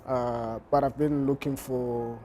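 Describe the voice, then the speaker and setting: A man's voice: medium pitch, little pitch movement, takes it slowly, dark tone, a little hiss or hum. A man answering interview questions about his fashion brand, hesitant and full of fillers. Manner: hesitant, many fillers and restarts. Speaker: fashion designer, interview guest.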